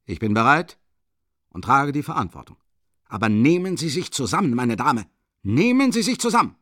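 An actor reading an audiobook, playing a pompous gentleman who stammers and hesitates. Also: mid-range voice, very animated, moderate pace, no room sound, clean studio sound, voice pushed up. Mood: flustered pompous. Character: stiff, pompous gentleman, flustered.

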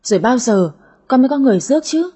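A woman's voice: sits high, expressive, quick pace, warm tone, husky, voice pushed up, heavily acted. A woman voicing a nagging, fussing middle-aged mother in an audio story. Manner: nagging, complaining.

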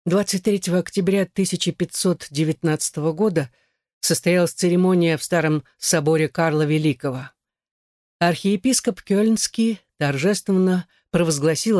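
A man narrates a novel in the first person, with a measured, solemn delivery. His voice sits somewhat high for a man. It is recorded close and dry, with no room sound. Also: no room sound. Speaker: audiobook reader.

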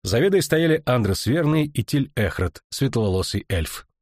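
A man narrating an audiobook in an expressive, dramatic storytelling manner. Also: medium pitch, normal speed, dry recording, clean studio sound. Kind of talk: scripted narration.

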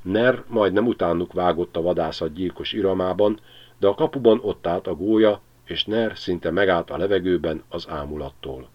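A man reading a children's novel aloud as an expressive storyteller. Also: deep voice, dull audio. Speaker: audiobook reader. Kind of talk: scripted narration of a children's novel.

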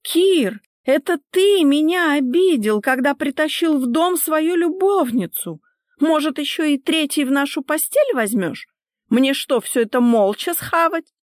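Woman reading a petulant young wife; high, indignant whining, sharp and pushy. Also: lively intonation, unhurried, hardly any pauses, no echo, studio quality. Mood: indignant whiny. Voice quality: high-pitched, whiny, indignant. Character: petulant spoiled young wife, shrill and whiny. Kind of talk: audiobook character reading.

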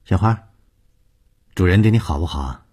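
A man's voice: low voice, expressive, moderate pace, darkish tone, breathy edge, pitched above the performer's own voice. A man voicing the mistress of a household, coaxing and insistent, in a storytelling reading. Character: scheming lady of the house, a woman.

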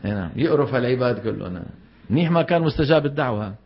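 A man teaching Quran recitation to a class, explaining in casual dialect and chanting example words slowly. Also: mid-range voice, animated, highs cut off, a little hiss or hum.

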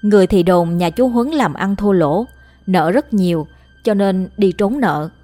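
A woman reads a ghost story aloud in steady, even scripted narration. Her pitch sits in a middle range. Soft music plays faintly beneath her voice. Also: unhurried.

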